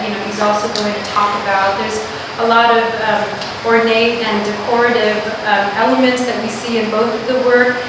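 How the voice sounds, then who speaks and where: Gallery director lady doing the welcome speech, lots of ums, far off the mic, super echoey. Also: on the high side. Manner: chatty, thankful, many fillers. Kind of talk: opening remarks at an art show. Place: college art gallery. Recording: very echoey room, speaker far from the mic, clear noise.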